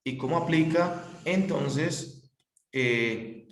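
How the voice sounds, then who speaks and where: A man's voice: a little high, extremely slow. A man teaching a grammar lesson, patient and repetitive, spelling out letters one by one. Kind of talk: recorded classroom explanation. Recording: echoey room.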